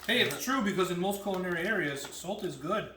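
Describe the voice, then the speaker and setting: Quick-talking man in a very echoey room. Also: high-pitched, animated, recorded from a distance. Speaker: snack reviewer on a panel. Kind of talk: casual, slangy group chat review. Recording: echoey room, off-mic, noticeable noise.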